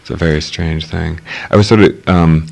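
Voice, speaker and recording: A man with a very deep, gravelly voice talks casually on a radio show, wandering through his sentences with fillers and restarts. His delivery stays flat and level throughout. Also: moderate pace. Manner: rambling, hesitant, with many fillers and restarts. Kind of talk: casual conversation.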